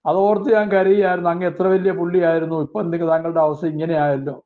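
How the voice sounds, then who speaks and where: A man teaching a religious text class. He reads Arabic phrases slowly, then explains each one quickly. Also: on the high side, level tone. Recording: tinny phone-like lo-fi sound.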